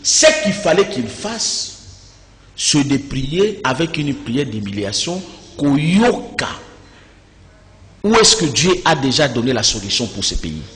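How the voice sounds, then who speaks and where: A man with a Congolese accent, a religious speaker in a debate, preaching with fiery declaiming that rises to shouts. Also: mid-range voice, sing-song, slow. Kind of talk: impassioned preaching in an interview. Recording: echoey reverberant room.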